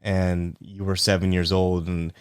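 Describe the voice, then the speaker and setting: A man in his forties hosts a podcast interview, speaking in an earnest, upbeat way. His voice sits low, and the recording is dry and close with no room sound. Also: flat delivery, measured pace, smooth, dry recording. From United States. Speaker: podcast host.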